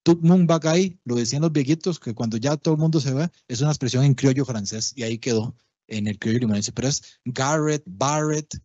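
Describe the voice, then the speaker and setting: A man lectures in an explanatory, step-by-step way, often pausing to check his listeners are with him. His voice is slightly husky and sits at a middle pitch. The sound is dull and lo-fi, with a dry, close feel. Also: darkish tone, no room sound. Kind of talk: public talk on language history. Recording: dull lo-fi livestream audio, dry.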